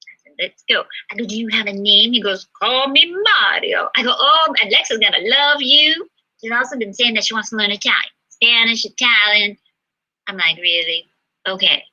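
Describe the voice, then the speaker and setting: A woman performing a solo comedy monologue, chatty, swinging between loud exclaims and hushed asides. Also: mid-range voice, moderate pace. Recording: dull lo-fi livestream sound.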